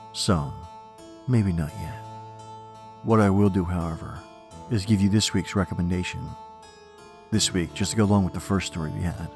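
Deep-voiced man narrating horror. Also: darkish tone. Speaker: horror podcast host.

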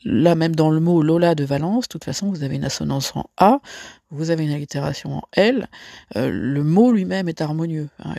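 Hesitant gravelly male teacher. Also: on the high side, mellow, dry recording, studio quality. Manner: hesitant, many fillers and restarts, explanatory. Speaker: French literature teacher. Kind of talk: recorded lesson correction for students.

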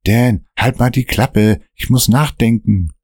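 A man's voice: mid-range voice, slow, a little mellow, husky, no room sound, clean studio sound, pitched above the performer's own voice. A man voicing a firm, urgent young man who pleads with his friend, in a read-aloud story. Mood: tense. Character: determined young man searching for answers.

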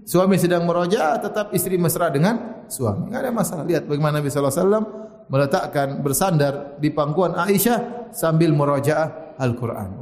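Man preaching in an echoey hall. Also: fairly high pitch. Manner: lively storytelling with Arabic quotes and jokes. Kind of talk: sermon.

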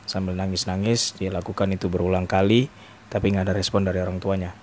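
Deep-voiced man giving a casual devotional. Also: flat delivery, fast talker, a little hiss or hum. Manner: informal, addresses listeners as "guys", frequent "eh" hesitations.

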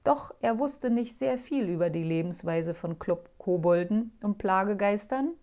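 A woman reading a children's story aloud in an expressive, playful way. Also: medium pitch, a little slow.

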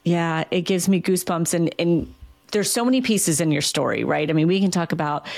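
A woman's voice: fairly low pitch, brisk, gravelly, a little mellow, dry recording. A woman hosting a podcast, giving frequent affirming responses to her guest. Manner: affirming, frequent listening sounds. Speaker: podcast host. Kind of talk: interview conversation.

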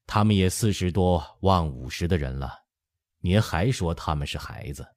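A man's voice: deep voice, expressive, normal speed, a little mellow, dry recording, studio quality. A man voicing a dutiful emperor speaking respectfully to his mother in an audiobook. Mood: deferential. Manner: deferential, explaining. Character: middle-aged emperor, dutiful, respectful son.

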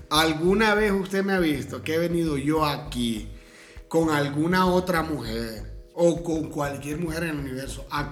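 Man, animated storyteller, echoey room. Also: a little high. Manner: animated, laughing while telling anecdotes. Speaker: podcast co-host. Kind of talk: casual storytelling chat. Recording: echoey room with faint music.

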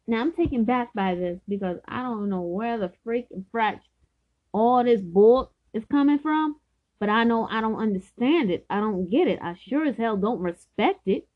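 A woman's voice: on the high side, lively intonation, moderate pace. A woman telling a personal story from her own life in an earnest, emphatic way, often repeating herself for stress. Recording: dull lo-fi recording.

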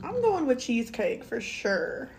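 A woman's voice: a little high, wildly swooping pitch, a little slow, vocal fry. A young woman co-hosting a podcast in casual chat, laid-back, laughing often and swearing casually. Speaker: podcast co-host.

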